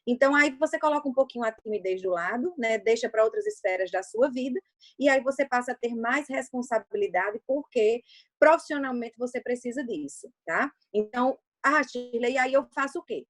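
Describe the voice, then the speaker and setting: A middle-aged woman from Brazil coaching on public speaking, teaching step by step and answering her own questions. Her voice sits fairly high, and the sound is dry and close, with no room around it. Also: expressive, a little fast, dry recording. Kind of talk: explanatory talk on a livecast.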